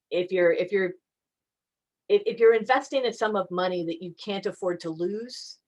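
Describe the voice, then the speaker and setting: A woman with a fairly low voice answers questions as an invited attorney. She speaks in a conversational, loose way. She hesitates often, with plenty of fillers and restarts. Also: darkish tone, highs cut off. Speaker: guest attorney.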